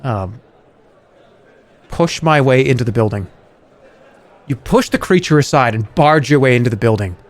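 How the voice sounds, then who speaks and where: Animated man streaming a game. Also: mid-range voice, moderate pace, pauses often. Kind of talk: reading game narration aloud, playful livestream.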